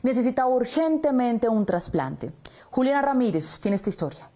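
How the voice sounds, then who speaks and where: A woman anchoring a television newscast, reading the news in a crisp, measured way into a studio microphone. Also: fairly high pitch, sing-song, mellow.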